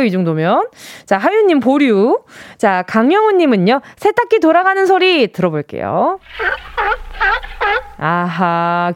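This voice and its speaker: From the studio, a female radio DJ with a high, bouncy voice hosts a listener call-in quiz, her pitch swinging widely as she reads messages and imitates the sounds they describe. The studio mic captures her close and dry, with no room echo.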